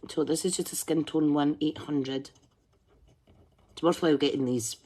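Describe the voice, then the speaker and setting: Warm and low-pitched, this woman's voice keeps a fairly even intonation at normal speed. Leading a craft tutorial as a live colouring demo, she talks and muses aloud while she colours, humming as she focuses.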